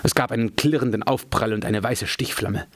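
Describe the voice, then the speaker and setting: Steady male fantasy reader. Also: fairly low pitch, no echo. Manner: measured, steady storytelling. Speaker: audiobook reader. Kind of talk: dramatic reading of a fantasy novel.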